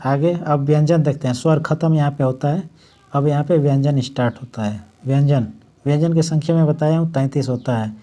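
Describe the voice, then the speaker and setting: Hindi teacher with a warm, mellow voice. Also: male voice, a little high. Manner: explains step by step, repeating points with "matlab"; draws out example words slowly. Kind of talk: exam-prep grammar lesson.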